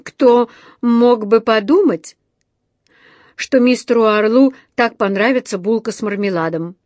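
Small polite bear cub, read by a woman, earnest and naive, higher and louder than her narration. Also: a little slow, no room sound, studio quality, natural voice.

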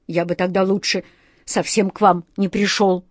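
A woman's voice: mid-range voice, level tone, moderate pace, no room sound, studio quality, natural voice. Woman playing a tearful little boy. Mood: hurt. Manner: shaky, tearful voice. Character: upset young boy near tears.

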